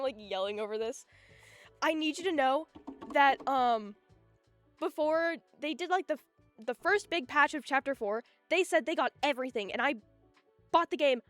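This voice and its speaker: A young woman streaming live, chatting casually in an excitable, giggly, rambling way. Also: high-pitched, no room sound. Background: faint music.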